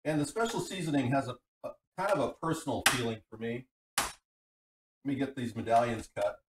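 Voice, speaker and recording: Recorded from a distance on a tinny computer mic set away from his mouth, with background noise, a man hosts a casual cooking livestream. Speaking fairly quickly in a mid-range voice, he rambles in a folksy manner and breaks off to read chat.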